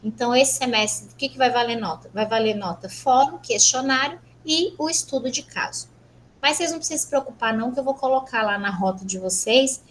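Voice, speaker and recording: A Brazilian woman lecturer teaching an online class, brisk and teasing, asking rhetorical questions. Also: on the high side, a bit bright, slight background noise, low-quality recording. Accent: Brazilian Portuguese. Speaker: university lecturer.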